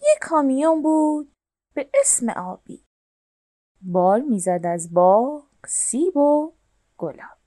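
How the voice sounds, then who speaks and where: A woman's voice: sits high, expressive, dark tone, no echo, faint music behind. A woman narrating a rhyming children's story, playful, with animal sounds and voices for the characters.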